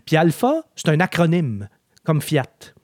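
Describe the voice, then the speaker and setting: Chatty podcast host. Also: male voice, on the high side, measured pace, no room sound, clean studio sound. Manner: chatty storyteller, animated, with frequent filler words. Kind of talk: casual podcast chat.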